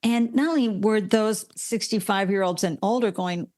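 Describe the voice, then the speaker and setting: A woman's voice: medium pitch, normal speed, a little mellow. A woman in her sixties, a podcast guest telling stories animatedly and acting out quoted voices. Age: 60s. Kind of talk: conversational interview.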